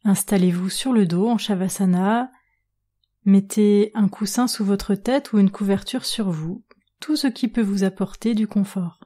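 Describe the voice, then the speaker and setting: Guiding a relaxation meditation, a yoga nidra teacher speaks in a calm, measured manner. Her voice is mid-range, and long pauses separate her words.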